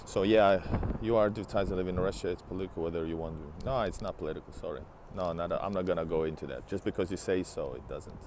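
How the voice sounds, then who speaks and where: Low and darkish in tone, this man talks at a quick pace with hardly any pauses, over a little hiss or hum. A tired travel vlogger in his thirties from Latvia and Finland, he live-streams on foot beside a large building on a city street through a wired earbud headset, phone at arm's length. He rambles, restarts often, and talks back to chat while answering viewers.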